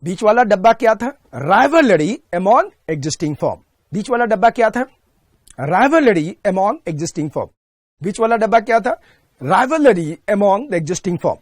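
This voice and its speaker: A man teaching an exam-prep class in a recorded online lecture. He drills each point by asking a question and answering it himself, and he slows right down on key terms. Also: high voice, very animated, dry recording, clean studio sound.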